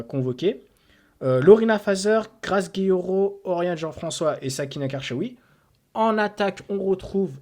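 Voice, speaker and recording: A man co-hosting a football podcast, reading out a squad list with many hesitant filler pauses. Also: a little high, darkish tone. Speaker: podcast co-host. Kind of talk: casual sports podcast talk.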